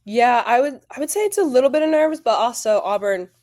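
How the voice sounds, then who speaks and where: A woman in her twenties, a college softball player, talking in a casual interview, animated and full of "like". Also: on the high side, brisk, no echo, studio quality. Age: 20s. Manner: animated, heavy use of "like", quotes teammates.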